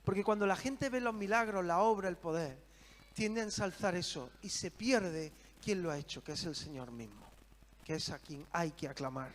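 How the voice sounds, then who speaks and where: Earnest high-voiced preacher man. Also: moderate pace. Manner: earnest, asks listeners rhetorical questions. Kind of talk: sermon.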